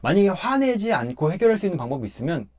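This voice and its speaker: A man, a pastor, talking through a Bible passage in a relaxed conversational way, emphatic as he explains step by step. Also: sits high, rapid-fire.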